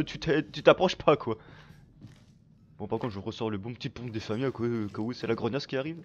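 A man giving casual gameplay commentary while he plays, swearing constantly and breaking into excited outbursts. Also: medium pitch, lo-fi sound. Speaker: let's play gamer.

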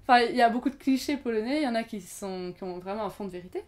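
A woman's voice: fairly high pitch, lively intonation, very fast, darkish tone. A woman in her twenties, chatting casually as a podcast guest, talking in loose sentences full of fillers and restarts. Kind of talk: casual conversation.

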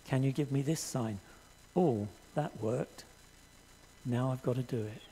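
A hesitant man checks with God again and again before he will act, acted out by a preacher. The voice is gravelly and mellow, lifting a little as it pleads. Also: mid-range voice, a little slow, long reverb tail. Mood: pleading. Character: doubtful man bargaining with God.

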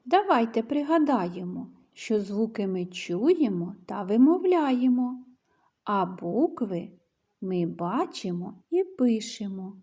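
Woman, teacher, slow patient delivery, soft mellow tone, lesson for small children. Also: medium pitch, very animated, husky. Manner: slow, patient, coaxing children to repeat sounds. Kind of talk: early literacy lesson for young children.

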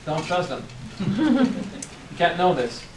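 In a high, sing-song voice and at a slow pace, a middle-aged French-accented spiritual teacher leads a playful workshop, often asking "okay?". The background is noisy, and a faraway camera records the echoey hotel meeting room.

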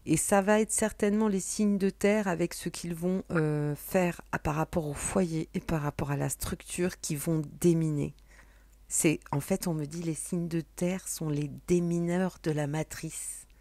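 A woman's voice: lowish voice, steady tone, measured pace, warm tone, no room sound. A woman giving a casual, meandering tarot card reading. She chats along and sometimes drops into a whisper.

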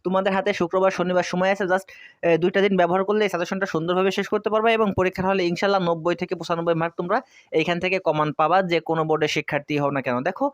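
A young man from Bangladesh tutoring exam students, firing off points quickly and answering his own questions as he repeats key facts. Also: high voice, fairly even intonation, dry recording, lo-fi sound. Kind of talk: fast exam-prep lesson.

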